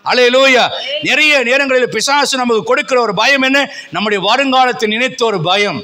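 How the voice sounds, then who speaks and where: A man's voice: very high voice, moderate pace, pushed and bright. A middle-aged male pastor preaching a fervent sermon in a church, with repeated calls and rising emphasis. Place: church sanctuary.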